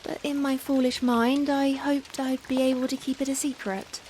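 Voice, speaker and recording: A woman plays a young, genteel Victorian vampire in a softly spoken ASMR roleplay monologue, using formal, old-fashioned phrasing and hesitant pauses. Her high, level voice stays close to everyday speech, breathy in hushed moments, with an apologetic, soothing mood. Faint rain ambience sits in the background.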